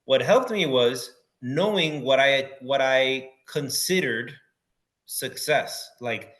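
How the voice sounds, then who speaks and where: A man's voice: mid-range voice, takes it slowly. A middle-aged man, a podcast guest, telling stories in casual chat, acting out quotes and calling the listener bro or dude. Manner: animated storyteller, acts out quotes, says bro and dude.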